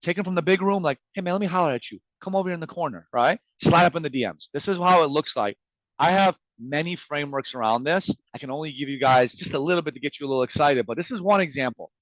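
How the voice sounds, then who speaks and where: A guest speaker whose first language is Farsi gives an energetic, motivational sales presentation, hitting his tips with punchy emphasis and acting out sample messages. His voice is fairly high for a man and quick-paced. The sound is dry and slightly muffled, like a video call, with no room sound.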